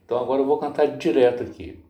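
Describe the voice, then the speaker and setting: A music teacher with a medium-pitched voice gives a guitar lesson, speaking rapid-fire in a steady tone. He patiently explains each step and sings short lines to demonstrate the chord changes. The sound is roomy, with acoustic guitar playing under his voice.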